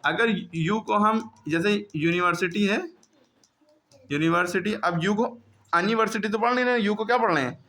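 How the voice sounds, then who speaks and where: A man's voice: high-pitched, moderate pace, bright, forceful tone. A man teaching a classroom grammar lesson, who keeps repeating questions to his pupils.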